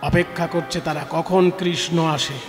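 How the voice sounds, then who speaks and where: Male religious storyteller, very high lively voice, echoey hall, faint music behind. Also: normal speed. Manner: animated storytelling, asks questions of listeners. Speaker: kirtan singer and religious teacher. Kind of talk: devotional discourse explaining scripture.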